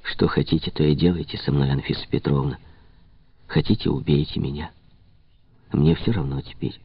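A man's voice: rumbling low, lively intonation, measured pace, husky, no room sound, full character voice. A man voicing a gloomy, downtrodden middle-aged man who speaks in a muffled, hollow voice and stammers mournfully, in a slightly dull lo-fi recording. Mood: despairing.

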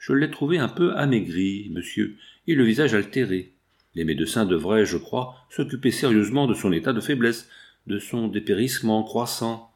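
A man voicing a young fiancé, earnest and anguished, in a low voice. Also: lively intonation, moderate pace, darkish tone. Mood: concerned. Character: young fiancé, torn and indignant, proud.

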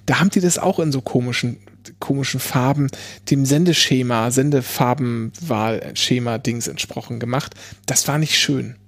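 A man chatting casually as a podcast host, hesitant and often restarting his phrases. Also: medium pitch. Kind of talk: casual chat.

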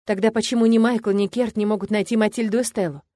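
A woman's voice: mid-range voice, steady tone, fast talker, warm tone, no echo, pitched above the performer's own voice, lightly acted. A woman voicing a curious, stubborn young woman student in an audiobook, her voice lifting on questions. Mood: curious, indignant.

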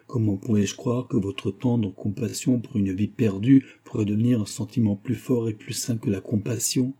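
A man voicing an anguished middle-aged gentleman in love, reading him passionately and pleadingly in an audiobook. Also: on the low side, breathy edge.

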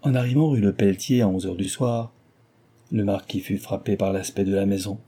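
A man's voice: on the low side, husky. A man steadily reading a classic novel aloud as narrator. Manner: steady and measured. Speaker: audiobook narrator.

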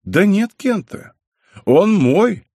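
A man's voice: high-pitched, big pitch swings, takes it slowly, warm tone, slightly rough, no room sound, studio quality, pitched above the performer's own voice, exaggerated voice. A man doing a sly, mocking old woman.

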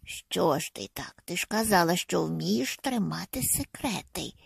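A woman voicing a friendly, teasing teenage boy in an audiobook, speaking lower and relaxed. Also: unhurried, vocal fry, husky, no echo, studio quality, exaggerated voice.

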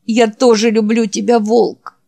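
A woman's voice: little pitch movement, unhurried, gravelly, warm tone, dry recording. A woman doing a desperate pleading boy. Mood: desperate, grieving. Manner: crying out, high and pleading. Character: desperate young boy, loyal and brave.

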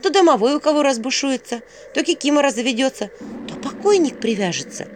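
A woman's voice: high voice, animated, brisk, slight background noise, voice pushed up. A woman voicing an earnest young sorceress girl who speaks with worry and frequent sighs. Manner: earnest, worried, sighing. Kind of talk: audiobook character voice.

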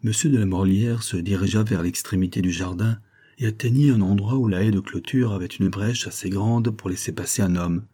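A male audiobook narrator reads a classic novel in a measured, storytelling manner. His voice is low and husky with a dark, mellow tone. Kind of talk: scripted narration.

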